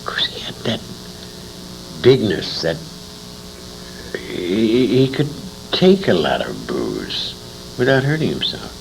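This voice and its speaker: Deep-voiced and slow, with wildly swooping pitch, vocal fry and frequent pauses, an older American man rambles through emphatic stories of the past. He addresses asides to his interviewer on a noisy amateur tape from a 1980s convention.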